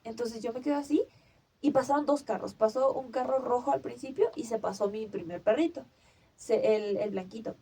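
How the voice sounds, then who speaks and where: High, mellow young woman. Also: breathy edge. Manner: vivid re-enactment, acting out her own cries and shouts. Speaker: podcast host. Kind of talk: casual storytelling chat.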